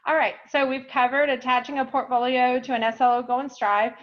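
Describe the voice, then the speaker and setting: A woman presenting an online software webinar, explaining in a chatty way with many fillers, a little out of breath. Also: sits high, level tone, brisk. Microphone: video call. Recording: dull lo-fi online call audio.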